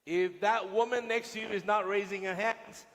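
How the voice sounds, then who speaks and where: A man's voice: high voice, fairly even intonation, normal speed, fairly bright tone, slight background noise. A male guest lecturer speaking to police officers in a large lecture hall, joking with and teasing the audience. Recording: long hall reverb.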